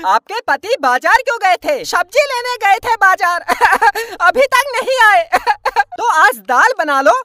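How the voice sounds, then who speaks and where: Man shouting through a slapstick sketch. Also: very high voice, big pitch swings, normal speed, few pauses, a little hiss or hum. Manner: loud, exaggerated shouting and mock crying. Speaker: comedy sketch performer voicing several characters. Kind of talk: slapstick comedy sketch dialogue. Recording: loud music under the voice.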